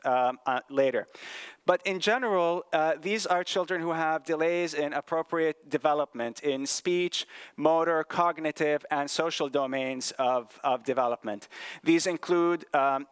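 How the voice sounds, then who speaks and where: A middle-aged man from Palestine, a pediatrician presenting at a medical conference, speaking haltingly with many fillers and restarts. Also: fairly high pitch, fairly bright tone, clear, resonant tone, no echo.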